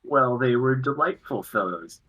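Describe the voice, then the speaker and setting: Man playing a raspy, courteous adventurer. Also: medium pitch, expressive, measured pace, sharp tone, faint music behind, heavily acted, rough recording. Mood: wry politeness.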